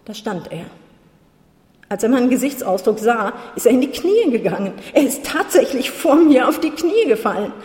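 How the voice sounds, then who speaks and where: A woman's voice: fairly high pitch, big pitch swings, moderate pace, a little mellow. A woman reading a first-person story aloud with intense, dramatic delivery at a live reading. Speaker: reader. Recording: roomy hall with long reverb.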